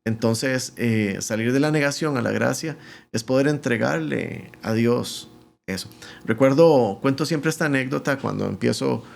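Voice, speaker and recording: A man's voice: medium pitch, normal speed, creaky. A middle-aged male pastor, a guest on a podcast, telling his life story and acting out the voices of the people in it. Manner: animated storyteller who acts out the voices in his anecdotes. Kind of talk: telling a personal testimony.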